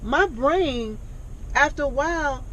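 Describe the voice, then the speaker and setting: A woman's voice: high voice, lively intonation, slow, a bit bright, a little hiss or hum, poor audio. A woman in her sixties who runs a thrift store and reentry program, talking earnestly and emphatically in a casual conversation. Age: 60s. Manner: earnest, emphatic, questions pointedly.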